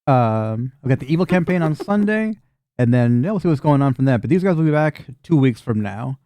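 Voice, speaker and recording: Casual male game master, mellow and dry. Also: mid-range voice, animated, fairly quick, no echo. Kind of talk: casual, sweary tabletop game narration.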